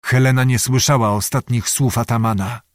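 A male narrator reads a historical novel aloud in a measured, dramatic storytelling manner. His voice sits mid-pitch and sounds dry and close to the mic. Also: steady tone, no room sound.

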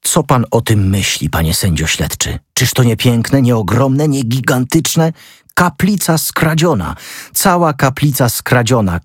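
A young male sleuth in a storybook, carried away and mocking, his voice leaping high in wide swings, as a narrator puts him on. The tone is husky and the sound dry and close. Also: no room sound. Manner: excited, declaiming.

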